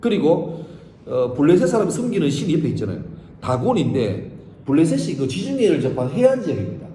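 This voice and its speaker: A man's voice: fairly high pitch, wildly swooping pitch, fast, warm tone, a little hiss or hum. A male pastor giving a Bible study sermon, telling the story vividly and acting out its scenes. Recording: echoey hall with faint ambience.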